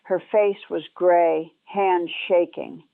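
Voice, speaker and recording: A woman telling her memories of nursing in a somber, measured way, heard through an old lo-fi recording. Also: on the low side, steady tone, vocal fry, clean tone, dry recording. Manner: somber, measured storytelling in short clauses. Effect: old lo-fi recording, tinny like archival radio. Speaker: former war nurse recounting memories. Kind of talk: first-person spoken memoir. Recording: tinny, dry old radio-style recording.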